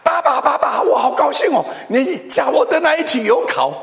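A man's voice: very high voice, expressive, moderate pace, voice pushed up. A man voicing his young schoolgirl daughter, calling out eagerly in a lifted voice. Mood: excited. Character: excited little schoolgirl daughter. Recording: long hall reverb.

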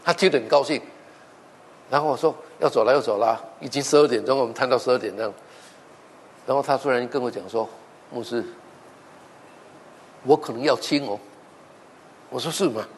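In a sermon delivered in an echoing church hall, a male pastor tells stories with animation, performing each line of dialogue himself. He speaks a little fast at medium pitch, leaving long pauses, with slight background noise.

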